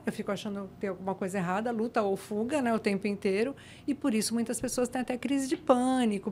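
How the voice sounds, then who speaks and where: A woman's voice: mid-range voice, darkish tone, slight background noise. A woman, a psychologist guest on a podcast, explaining her ideas with rhetorical questions. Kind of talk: conversational podcast interview.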